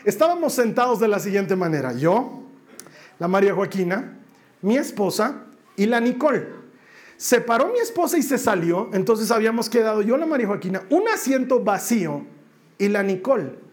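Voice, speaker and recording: A man giving a sermon, telling a family story in a lively way and acting out the voices of the people in it. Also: sits high, normal speed. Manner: animated storyteller who acts out family voices. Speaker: preacher.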